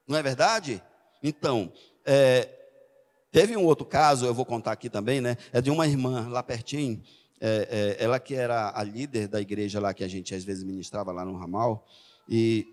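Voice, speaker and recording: A man's voice: medium pitch, a little mellow. A middle-aged man preaching a sermon, telling stories in a chatty way and often checking in with the congregation. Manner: conversational, frequent "né?" tag questions. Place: church sanctuary. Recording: long church hall reverb.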